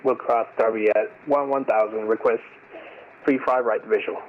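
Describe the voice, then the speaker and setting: A man acting as a pilot, calling air traffic control over a radio link in clipped, measured radio phraseology. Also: lowish voice, steady tone. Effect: heard over a tinny radio link. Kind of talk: radio calls in a flight simulation. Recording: tinny radio line with faint music.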